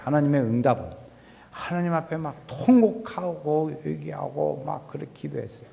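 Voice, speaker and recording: A man preaching a sermon who quizzes the congregation and swings from shouts to hushed asides. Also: fairly high pitch. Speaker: pastor. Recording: long hall reverb.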